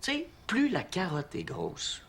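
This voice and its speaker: A man's voice: high-pitched, huge pitch swings, unhurried, a bit bright, a little hiss or hum, exaggerated voice. An actor with a Québécois French accent playing an eager, persuasive father in a family sitcom, talking colloquially and insistently. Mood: excited, persuasive. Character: eager, persuasive father of a schoolboy, middle-aged. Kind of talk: naturalistic sitcom dialogue.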